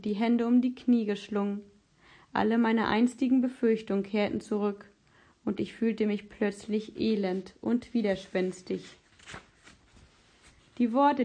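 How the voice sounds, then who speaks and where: Slow, calm woman narrating a story. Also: mid-range voice. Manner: calm, measured.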